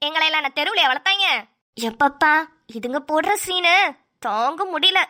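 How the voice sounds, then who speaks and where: A woman's voice: high voice, lively intonation, normal speed, pushed and bright. A woman playing a sarcastic young daughter-in-law. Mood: grumbling. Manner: sarcastic, grumbling asides. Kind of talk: cartoon voice acting.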